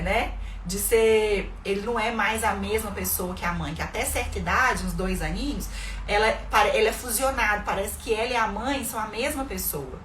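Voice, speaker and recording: A Brazilian woman giving parents advice in a live stream, talking lively and acting out little sound words playfully. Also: on the high side. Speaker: bilingual parenting educator. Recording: echoey room with faint noise.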